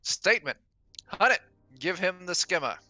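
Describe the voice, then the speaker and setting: A man's voice: high-pitched, very animated, unhurried, pushed and bright, no echo, soft background music. A man chatting casually as a player in a tabletop game.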